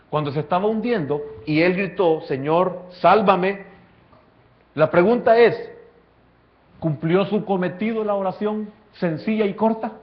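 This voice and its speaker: Fervent pastor preaching. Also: male voice, high-pitched, lo-fi sound. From El Salvador. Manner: impassioned preaching, swings from soft asides to loud climaxes; addresses listeners directly as brother. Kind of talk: sermon.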